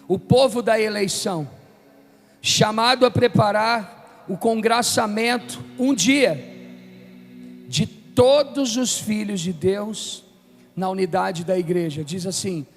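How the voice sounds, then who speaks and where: Over background music, a fifty-something male Brazilian preacher with a high voice declaims his sermon, leaning on emphasis and deliberate pauses. He reads scripture emphatically and uses call-and-response. The live event takes place in a large reverberant room, and the audio has a long hall reverb.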